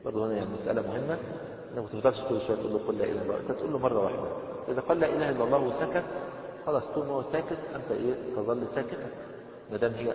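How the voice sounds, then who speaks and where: Fast-talking Egyptian teacher in an echoey hall. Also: male voice, mid-range voice. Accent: Egyptian Arabic. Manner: reads a passage slowly, then explains it quickly in colloquial speech. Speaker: religious teacher. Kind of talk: explaining a jurisprudence text in a lesson. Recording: tinny, echoey hall recording from far off.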